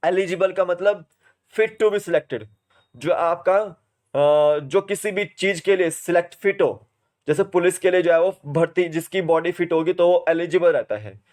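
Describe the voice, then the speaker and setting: A man's voice: high-pitched, measured pace, darkish tone. A young Indian man from Himachal Pradesh teaching exam spellings, spelling each word out letter by letter and then repeating it. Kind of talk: spelling and vocabulary lesson.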